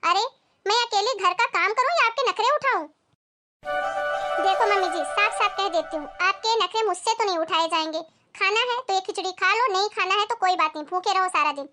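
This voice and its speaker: A woman's voice: extremely high pitch, brisk, over loud music. A woman playing a short-tempered, bossy daughter-in-law in a comedy family skit, scolding sharply and sarcastically. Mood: harsh.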